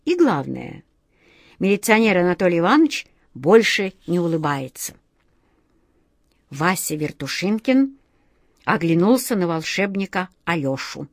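A woman narrating a children's audiobook in an expressive storytelling manner. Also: mid-range voice, dry recording, studio quality.

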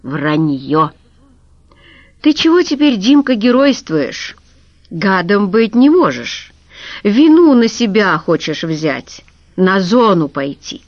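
A woman's voice: medium pitch, big pitch swings, slow pace, no room sound. Woman doing a cold, sarcastic businessman. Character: bitter, contemptuous middle-aged businessman. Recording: dull lo-fi recording.

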